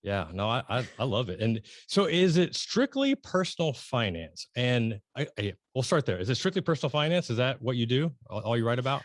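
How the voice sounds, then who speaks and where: A middle-aged man hosting an interview, talking casually and rambling with many restarts and excited emphasis. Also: medium pitch, a little fast, few pauses, no room sound, clean studio sound. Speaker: podcast host interviewing a guest.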